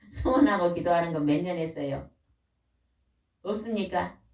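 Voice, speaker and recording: A woman's voice: fairly low pitch, a little mellow. Woman preaching a sermon in an echoey room. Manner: asks the congregation questions and waits for answers; slows and stresses key words. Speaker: pastor's wife preaching. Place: small church or worship room. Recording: roomy echo, voice from a distance.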